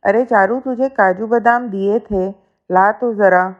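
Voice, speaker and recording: A woman's voice: mid-range voice, unhurried, lo-fi sound, close to an everyday voice. A woman voicing a stern, suspicious middle-aged mother-in-law who scolds her household, in a storybook reading.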